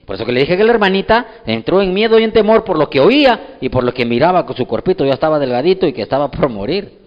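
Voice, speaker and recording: A man preaching a sermon with a lively, swooping voice that sits a bit high. He tells his story with energy and voices each person in it. The sound is dull and rings through a big hall. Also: fast talker. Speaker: pastor.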